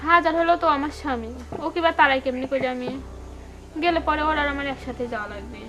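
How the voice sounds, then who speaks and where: A woman's voice: high voice, brisk, pushed and bright. Tired young wife, woman acting, pabna accent, pleading, faint music behind. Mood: resigned. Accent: rural Pabna Bengali. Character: weary young wife defending her husband.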